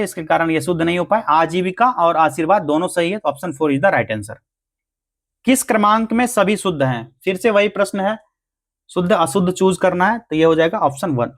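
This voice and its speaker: A man with a somewhat high voice teaches a grammar lesson for exam preparation. He works through each answer step by step. He poses questions and answers them himself.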